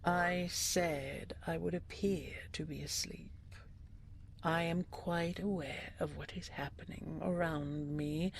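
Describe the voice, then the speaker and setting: In a stern, warning mood, the dragon queen, voiced by a woman, murmurs in a low, breathy near-whisper for intimate roleplay. Her delivery is very slow, formal and coaxing with endearments, both adoring and controlling, over noticeable background noise.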